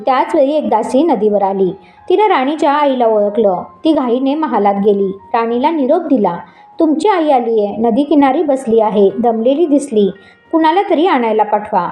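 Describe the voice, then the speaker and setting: A woman narrating a devotional story in a steady, measured way. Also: high-pitched. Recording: roomy echo with faint music.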